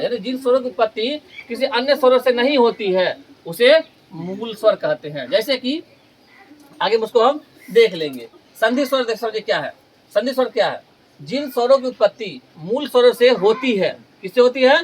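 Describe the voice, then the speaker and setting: A man teaching a grammar lesson in a classroom style, asking questions and then answering them himself, and repeating key terms. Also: very high-pitched.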